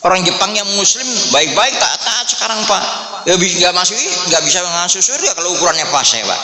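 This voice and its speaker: A man's voice: high-pitched, expressive, a little fast, a crowd in the background. A man with an East Javanese accent giving a humorous religious talk to an audience, chatty and joking, often addressing listeners as "Pak". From Indonesia. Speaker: Islamic preacher. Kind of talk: humorous Islamic study talk. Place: large echoey hall at an office. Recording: echoey hall with faint ambience.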